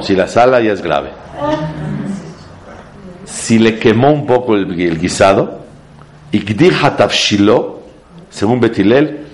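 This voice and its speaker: Man w teaching torah to a room, kinda low voice, jumps way up when he's making a point, drops hebrew words in. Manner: emphatic, sweeps up in pitch to stress points, mixes in Hebrew terms. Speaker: rabbi teaching a class. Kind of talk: Torah class before a live audience.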